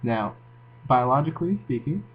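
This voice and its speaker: A man's voice: medium pitch, animated, normal speed. A man with a Moroccan accent giving an informal, explanatory science lecture as a tutor in an educational video. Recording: tinny phone-like audio, audible hum and hiss.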